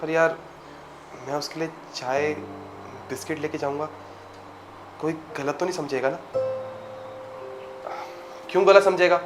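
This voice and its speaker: An actor playing a gentle, devoted husband who works as a security guard, speaking softly and earnestly. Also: male voice, fairly high pitch, fairly even intonation, a little slow, long pauses, close to an everyday voice. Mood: tender. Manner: soft, earnest, coaxing. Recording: clear background music.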